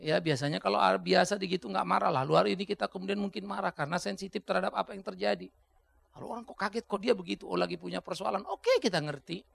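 A male pastor preaching a sermon in a colloquial way, swinging between hushed asides and loud outbursts. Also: high-pitched, quick pace, vocal fry.

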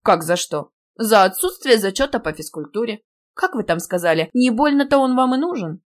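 A woman reading an audiobook, voicing an indignant, fussy middle-aged male deputy dean who scolds loudly. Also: mid-range voice, expressive, moderate pace, close to an everyday voice. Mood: bossy. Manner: loud scolding, theatrical outrage.

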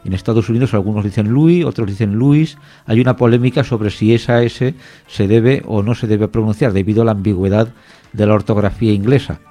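A man hosting a radio show, explaining things in a measured way with frequent hesitant pauses. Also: on the low side, fairly even intonation, warm tone, soft background music. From Spain. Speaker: radio host.

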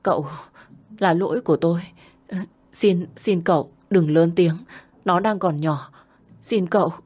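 A woman's voice: lowish voice, unhurried, a little mellow. A woman voicing a nanny who stammers and begs her employer in a storybook reading. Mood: begging. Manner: stammering, begging. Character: pleading nanny, an older woman servant.

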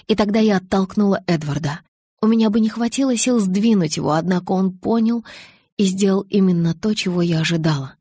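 A woman narrating an audiobook in the first person, in a steady, measured reading. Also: on the low side, husky, no room sound.

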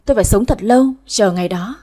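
A woman voicing a stern old grandmother who rules the family, speaking in a sharp, scolding tone. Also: mid-range voice, fast talker, husky, close to an everyday voice. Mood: teasing.

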